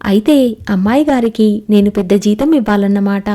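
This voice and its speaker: A woman's voice: medium pitch, moderate pace, warm tone, close to an everyday voice. A woman reading the part of a young male doctor in a storybook reading, teasing and light. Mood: playful. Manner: playful, apologetic. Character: Krishna, young doctor husband, warm and playful.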